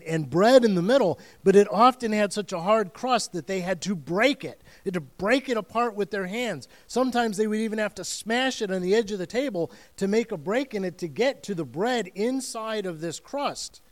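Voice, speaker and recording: A man's voice: high voice, lively intonation, normal speed, few pauses. A man preaching a communion sermon as the church's student and family pastor, speaking earnestly and emphatically with frequent restarts.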